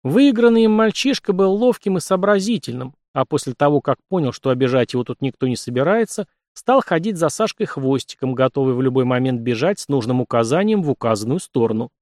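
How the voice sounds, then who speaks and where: Guy narrating an audiobook, lively up-and-down voice, dry close sound. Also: mid-range voice, brisk, hardly any pauses, dry recording. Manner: expressive storytelling. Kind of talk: scripted narration.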